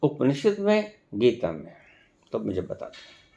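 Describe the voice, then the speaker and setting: A man giving a spiritual discourse as a teacher, speaking slowly and emphatically with long pauses. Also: medium pitch, huge pitch swings, creaky, warm tone, lo-fi sound. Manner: slow, emphatic, with long pauses and rising stresses.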